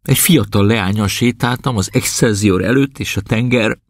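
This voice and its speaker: A man voicing a young male prisoner who is dreamy and excitable and bursts into rapturous, pleading speech. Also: on the low side, dry recording, clean studio sound, voice pushed up. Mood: humble, sighing.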